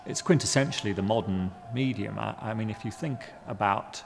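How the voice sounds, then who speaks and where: Gravelly guy in his 50s, from guyana, talks in stops and starts with lots of ums, bit wry, big echoey gallery. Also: lowish voice, a little hiss or hum. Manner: halting with many ums and restarts, wry. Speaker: artist interviewee. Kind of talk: hesitant reflective interview answers. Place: art gallery exhibition space. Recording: reverberant room.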